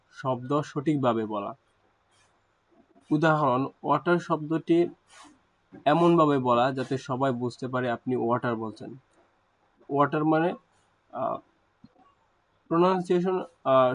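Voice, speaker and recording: A man teaching a language lesson, explaining terms slowly with hesitant pauses. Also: medium pitch, low-quality recording. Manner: hesitant, frequent fillers and restarts.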